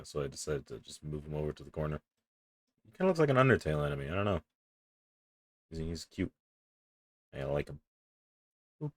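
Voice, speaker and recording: While he draws on stream, this young man rambles in a very low, deep voice, poking fun at himself and swearing casually. His voice sounds dry and close-miked, with no echo.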